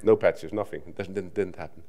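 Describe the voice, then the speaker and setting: Middle-aged Dutch man, slightly low voice, chatty conference talk at a lectern mic, restarts a lot. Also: steady tone, a little fast, mellow. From Netherlands. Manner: conversational, with frequent restarts and filler "right?". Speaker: conference speaker. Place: conference hall stage at a lectern. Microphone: lectern microphone.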